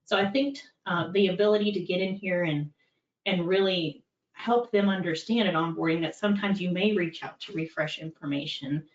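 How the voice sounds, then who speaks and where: Here a native English-speaking compliance executive, a middle-aged woman, talks through practical matters candidly and conversationally, using lots of fillers. Her pitch is fairly low and her pace moderate. The room is echoey and dull, and she sounds far from the mic.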